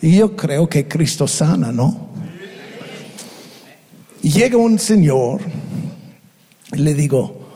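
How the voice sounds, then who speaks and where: A man's voice: a little high, takes it slowly, long pauses, breathy edge. A man preaching a sermon, telling funny stories with laughter, acting out the voices of people in them. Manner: animated, jokes and laughs, acts out voices. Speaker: pastor. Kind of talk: humorous sermon storytelling. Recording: long reverb of a large hall.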